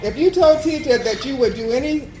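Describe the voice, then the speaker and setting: A woman's voice: high-pitched, lively intonation, fairly quick, a little mellow. A woman casually hosting a game, putting questions to contestants. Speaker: host quizzing contestants. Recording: echoey room with music behind.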